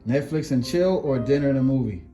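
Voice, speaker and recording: A man's voice: mid-range voice, a little fast, dark tone. A man, interviewing in a casual, chatty style. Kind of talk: casual chat and quick-fire questions. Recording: echoey room with faint music.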